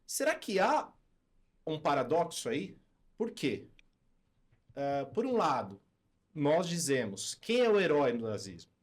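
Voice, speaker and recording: This is a man asking questions in a podcast discussion. His voice is husky and very lively in pitch, and he sounds animated and questioning as he presents the problem. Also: measured pace, pauses often. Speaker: co-host, teacher.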